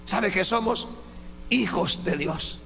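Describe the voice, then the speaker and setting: High, bright-voiced preaching man. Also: takes it slowly, vocal fry. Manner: impassioned preaching, swinging from hushed to shouting, calling the listeners brothers. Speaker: pastor. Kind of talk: Spanish evangelical sermon. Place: church. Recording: church hall reverb with faint hum.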